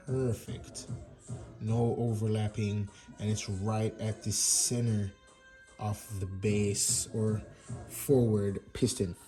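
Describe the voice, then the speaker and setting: A man with a Jamaican accent giving a casual hands-on workshop tutorial, relaxed and chatty with plenty of fillers and restarts. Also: on the low side, poor audio. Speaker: mechanic demonstrating engine assembly. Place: home garage workshop.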